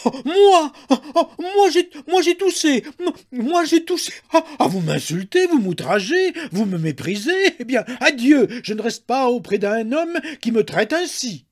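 A man's voice: big pitch swings, a little slow, hardly any pauses, exaggerated voice. A man voicing an indignant, hysterical young woman who shrieks in outrage at her lover. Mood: shrieking outrage. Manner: shrill, outraged shouting.

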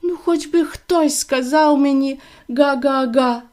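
A woman voicing a small, cheerful male gosling who honks in slow singsong calls. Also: high-pitched, darkish tone. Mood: sad.

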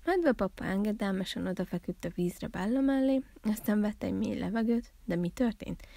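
A woman from a library reading a children's Christmas story aloud, calm and unhurried. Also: medium pitch, gravelly, no echo.

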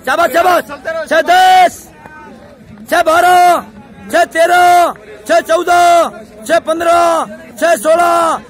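Man shouting cheers at a running track. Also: very high voice, little pitch movement, drawn-out words, pauses often. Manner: shouts names and cheers, calls out split times. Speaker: running coach. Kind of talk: shouted trackside encouragement and time calls. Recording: crowd and traffic noise outdoors.

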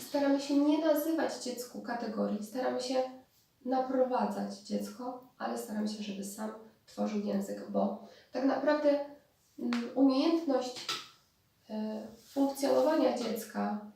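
Brief: woman therapist lecturing, a bit high and gravelly, recorded far off in a roomy hall. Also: moderate pace, mellow, slight background noise. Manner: explanatory, with restarts and hesitations. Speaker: speech therapist. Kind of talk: spoken lecture on therapy methods. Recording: distant mic in very echoey room.

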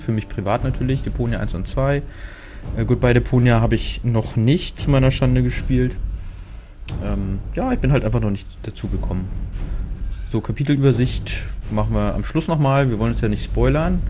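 A German man hosts a let's play, casually commenting on his game as he navigates the menus, rambling and cutting himself off with fillers. His voice is medium-pitched and somewhat dark, with a slight hiss or hum and game music behind him.

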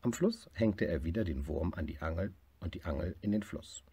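Male picture-book reader, low, expressive, slightly husky. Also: normal speed, no echo. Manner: lively, expressive reading, swelling louder in happy parts. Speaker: storyteller. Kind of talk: reading a picture book aloud.

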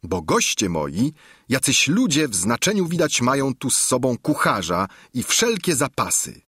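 A man's voice: medium pitch, big pitch swings, unhurried, a bit bright, breathy edge, dry recording, studio quality, voice pushed up, heavily acted. A man voicing a boastful village innkeeper full of fussy excuses, in an audiobook reading. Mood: wheedling. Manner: fussy, excuse-making, wheedling.

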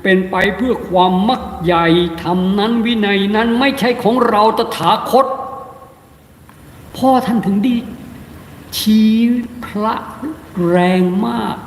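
A man's voice: high-pitched, slow, reverberant, long reverb tail, slight background noise. A man, a Buddhist monk, delivering an emphatic, scolding sermon full of short repeated tag words. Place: Buddhist center hall.

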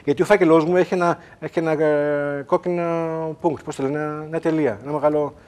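Talk-show guest, a man with a slightly raised pitch, animated storyteller who quotes the other people in their own voices. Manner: acts out dialogue in quoted voices, emphatic. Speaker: guest telling his story. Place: TV studio.

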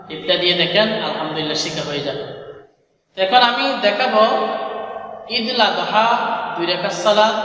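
A man's voice: sits high, bright, forceful tone, a little hiss or hum. Man, religious teacher, sing-song chanted delivery; distant mic, heavy echo, long reverb. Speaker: religious instructor. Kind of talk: instructional religious talk with chanted recitation. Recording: echoey distant hall recording.

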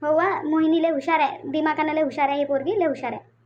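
A woman's voice: sits high, steady tone, quick pace, highs cut off, a little hiss or hum, lightly acted. A woman voicing a caring, worried elder sister-in-law who coaxes and reasons, with a Varhadi Marathi accent. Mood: coaxing. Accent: Vidarbha Marathi (Varhadi). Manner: coaxing, worried. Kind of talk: cartoon voice acting.

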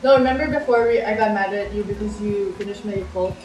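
A young woman hosting a casual question-and-answer chat at a kitchen table, playful and quick to laugh. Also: medium pitch, a little mellow. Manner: chatty, playful, laughs often. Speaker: vlog host. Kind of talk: casual Q and A chat while eating. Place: home kitchen, indoors. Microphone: camera across the table. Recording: roomy kitchen sound, mic at a distance, music under.

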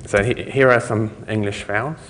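A middle-aged man giving an informal conference lecture, explaining things in a halting way with trailing thoughts. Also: on the low side, fairly even intonation, a bit bright. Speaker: conference speaker. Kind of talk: technical lecture to an audience. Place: conference lecture room, indoors. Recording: reverberant hall recording.

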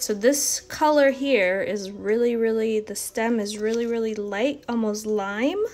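Slow, chatty woman teaching painting. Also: on the high side. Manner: chatty, encouraging, thinks aloud. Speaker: art instructor. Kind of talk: casual live painting demonstration.

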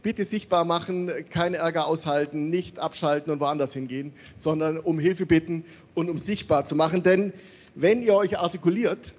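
Speaking into a handheld mic in a large hall, a man opens a conference and animatedly calls out the names of supporters to the audience. His voice is on the high side, his pace moderate, and the audio dull.

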